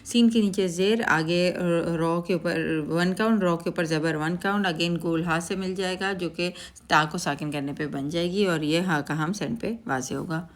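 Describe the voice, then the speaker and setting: A woman's voice: fairly low pitch, fairly even intonation. A woman teaching a recitation lesson step by step, methodically spelling out each letter and its count, sometimes asking a question and then answering it herself. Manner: asks and answers her own questions.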